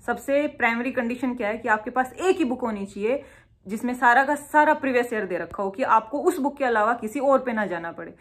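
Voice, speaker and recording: Young woman, casual chatty exam tutor, a bit high-pitched, jokes at her own expense. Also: brisk. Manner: chatty, self-mocking, with homely memory tricks. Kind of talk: casual tips to the camera.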